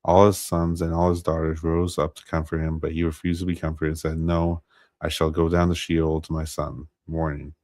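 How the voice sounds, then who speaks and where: Low monotone american guy doing a bible stream, lots of um and like, trips over place names, dry close sound. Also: no echo. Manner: halting, many fillers and restarts, unsure of pronunciations. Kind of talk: casual Bible teaching and scripture reading.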